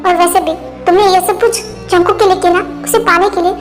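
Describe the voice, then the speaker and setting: Woman doing a calm young partner, lecturing, very high voice, soft music under. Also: fairly quick. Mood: firm. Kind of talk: Hindi fan-dub voice acting.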